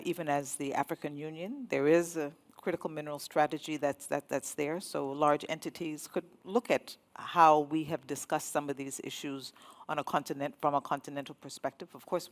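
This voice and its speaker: A woman from Zambia speaking on a panel, earnest and sometimes searching for words. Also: low voice. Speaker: diplomat on a panel. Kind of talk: panel discussion.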